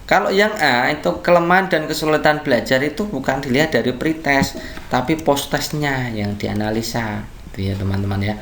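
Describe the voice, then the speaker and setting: A man tutoring online who talks through exam questions at an unhurried pace. He reads each answer option aloud in turn. He keeps checking in with his viewers by asking them to agree. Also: mid-range voice, a bit bright, slight background noise. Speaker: online test-prep tutor.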